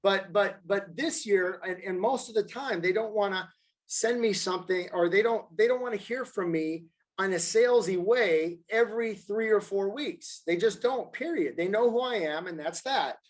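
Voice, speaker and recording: A man's voice: sits high, normal speed. A man who works as a mortgage advisor, chatting on a podcast in an emphatic style and repeating himself for stress. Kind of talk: casual podcast chat.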